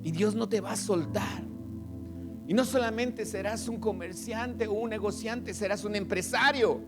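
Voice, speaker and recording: A man with a Mexican Spanish accent preaching a sermon as pastor, animated, acting out the voices of congregants. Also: high voice, a little slow. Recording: music playing behind.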